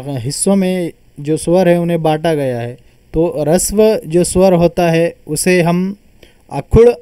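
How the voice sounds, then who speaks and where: A male teacher gives a patient grammar lesson, sounding out each term and repeating it. His voice is very dark and mellow yet smooth, fairly high for a man, and recorded close and dry. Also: dry recording. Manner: patient explaining, repeats terms and sounds them out.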